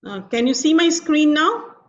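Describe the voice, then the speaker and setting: A middle-aged woman with an Indian accent giving a formal, measured medical lecture as a professor. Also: high-pitched, animated. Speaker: professor of radiation oncology, guest speaker. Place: online video call. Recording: dull lo-fi video call audio.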